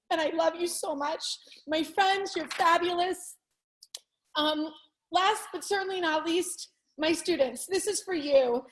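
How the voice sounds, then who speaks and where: A woman with a very high voice delivers an award acceptance speech over a video call. She is an elementary teacher, gushing with thanks and emotional throughout. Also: low-quality recording.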